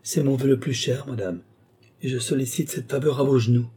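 A man's voice: medium pitch, fairly even intonation, fairly quick, dark tone, breathy edge, voice pushed up. A man reading an audiobook, voicing a terrified, pleading young woman. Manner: pleading, frightened.

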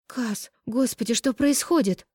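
A woman's voice: mid-range voice, measured pace, dark tone, breathy edge, no echo, studio quality, pitched above the performer's own voice. A woman reading an audiobook voices a frightened young pregnant woman, whispering breathlessly and shakily. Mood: distraught.

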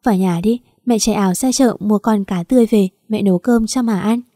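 A woman's voice: mid-range voice, brisk, mellow, no room sound, studio quality, natural voice. A woman voicing a tender, tearful mother fussing over her daughter. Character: loving, tearful middle-aged mother.

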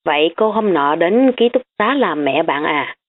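Woman reading a blunt, teasing schoolgirl; low voice, phone-like sound. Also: animated, a little slow. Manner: frank and teasing. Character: blunt, teasing, hungry female student. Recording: tinny phone-like audio.

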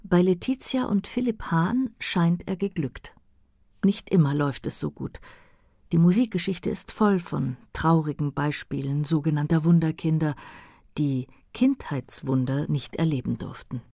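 A woman narrating a radio documentary in a calm, even reading style. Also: low voice, unhurried, gravelly, no room sound, clean studio sound.

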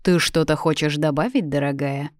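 A woman's voice: low-pitched, normal speed, no echo, studio quality, natural voice. A woman voicing a harsh, hot-tempered young king who speaks coldly and mockingly. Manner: cold, commanding, mocking.

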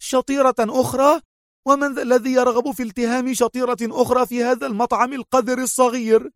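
Male reader doing a high-pitched furious woman, haughty and scolding, storybook reading. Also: flat delivery, fast talker, no echo, clean studio sound. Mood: outraged. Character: indignant American woman feigning outrage.

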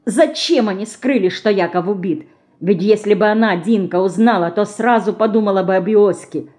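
Woman narrating an audiobook, measured. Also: mid-range voice. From Russia. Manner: measured, expressive storytelling. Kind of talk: scripted narration.

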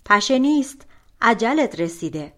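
A woman's voice: a little high, very animated. A woman voicing a brave young prince who speaks firmly in a storybook reading. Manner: firm, defiant.

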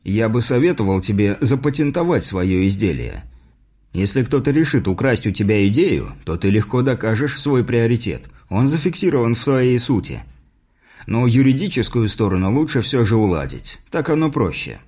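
A man voicing a patient male mentor in an audiobook, explaining things in a measured way. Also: mid-range voice, big pitch swings, a little mellow. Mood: instructive.

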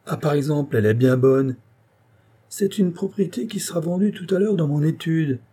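A hearty, self-satisfied country notary who boasts about his practical sense and talks in quick exclamations, as a male reader puts him on. The voice is warm and husky, lifted a little above the reader's own pitch. This is storybook narration.

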